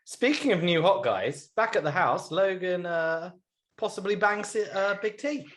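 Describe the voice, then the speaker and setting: A man with a slightly high voice that swings up and down, hosting a casual podcast. He talks in a giggly, teasing way. He sounds lively and animated throughout. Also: unhurried. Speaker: podcast host. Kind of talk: casual chat recapping a reality show.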